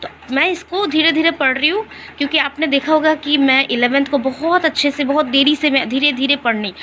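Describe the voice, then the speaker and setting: A young woman talks to her viewers in a relaxed study vlog, her voice high and bright. She explains at an easy, chatty pace, pausing on fillers. Faint room ambience sits behind her. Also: a little hiss or hum. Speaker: vlogger. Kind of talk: casual study vlog talk.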